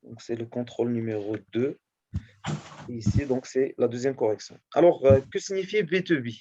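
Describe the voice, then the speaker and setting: Halting male teacher, mellow voice. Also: medium pitch, muffled recording, slight background noise. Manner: hesitant, halting, checks often that students follow. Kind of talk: classroom lesson correcting a test.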